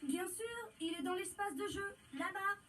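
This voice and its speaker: A woman's voice: very high voice, a little slow, a bit bright, far from the mic, slight background noise. A woman voicing a polite, obliging beaver caretaker in a children's cartoon. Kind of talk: French-language children's cartoon dubbing.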